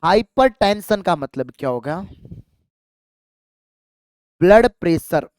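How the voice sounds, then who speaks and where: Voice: mid-range voice, lively intonation, slow, darkish tone, clear, resonant tone, no room sound, clean studio sound. A biology teacher giving an exam-prep lecture, asking students questions, answering them and repeating key terms as memory drills while calling them affectionate names. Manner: calls students affectionately "child" and "dear kids"; mixes English science terms into the talk.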